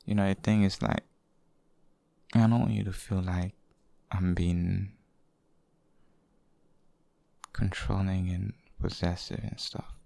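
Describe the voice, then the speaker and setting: A man voicing a devoted, possessive boyfriend in an intimate, hushed ASMR role-play, speaking haltingly and tenderly. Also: low-pitched, flat delivery, gravelly, no echo. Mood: hesitant, confessing. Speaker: audio role-play performer.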